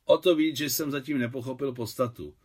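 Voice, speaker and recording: A man's voice: medium pitch, a little mellow, natural voice. A man reading the lines of a reflective elderly man in his eighties, musing aloud in a sincere, earnest way.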